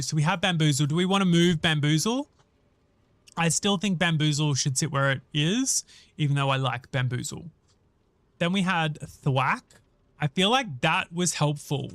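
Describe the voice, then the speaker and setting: A man with a slightly high voice talks through his thoughts on a gaming livestream. He addresses viewers casually and conversationally as host. The sound is close and dry, with little room on it. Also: a bit bright, no echo. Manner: conversational, thinking aloud while addressing viewers. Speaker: live streamer and host.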